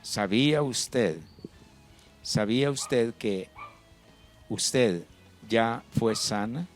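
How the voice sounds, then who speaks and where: A calm, assured preacher talks slowly and deliberately, putting gentle questions, voiced by a man telling the story. His voice sits at a middle pitch, with soft music in the background. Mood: patient.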